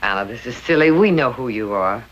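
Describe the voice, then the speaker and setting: A woman's voice: extremely low pitch, animated, fairly quick, highs cut off. An actress playing an earnest, compassionate woman lawyer who talks persuasively. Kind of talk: 1950s television drama acting.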